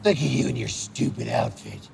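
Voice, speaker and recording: A man doing a gravelly sneering taunter. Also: mid-range voice, moderate pace, noisy background, pitched below the performer's own voice. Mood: taunting. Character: sneering man mocking a masked hero.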